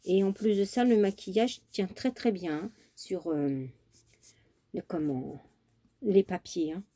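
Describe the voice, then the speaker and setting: A woman with a warm, medium-pitched voice chats unhurriedly through a crafting tutorial at her home craft table. As a craft vlogger, she comes across as homely and talkative, using lots of fillers.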